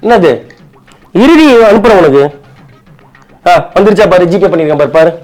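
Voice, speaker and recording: A man's voice: high-pitched, lively intonation, brisk, a little mellow, soft background music, low-quality recording. A man with a Chennai Tamil accent in a bickering comedy skit, talking colloquially and argumentatively and often repeating himself.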